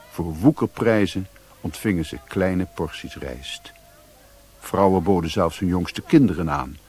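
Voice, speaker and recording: For a radio drama, an actor voices a weary, sombre adventurer recounting his journey in a measured, solemn literary style. His voice is deep and a little mellow.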